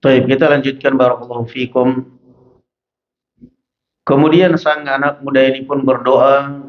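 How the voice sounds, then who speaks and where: A male preacher teaching a mosque study session, chanting Arabic passages slowly and then explaining them in casual speech. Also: mid-range voice, flat delivery. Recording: dull lo-fi mosque recording.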